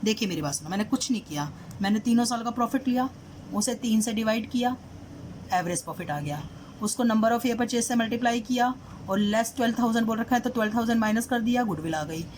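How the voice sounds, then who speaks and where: A woman's voice: a little high, expressive, fairly quick, darkish tone, low-quality recording. Woman teacher walking students thru accounts, checks "samjhe?" a lot, bit of faint room hum. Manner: asks students questions and repeats "did you understand?"; mixes English terms into Hindi explanations. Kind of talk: explaining a solved problem.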